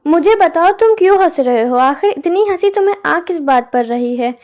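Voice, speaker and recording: A woman's voice: extremely high pitch, animated, normal speed, darkish tone. A woman voicing a merchant's nagging, angry wife in a storybook tale, demanding and insistent.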